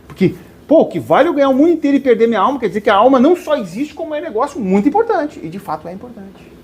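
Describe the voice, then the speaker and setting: A man's voice: extremely high pitch, very animated, very fast, a little hiss or hum. A man gives a spiritual lecture to a live audience. He questions his listeners and calls them dear ones.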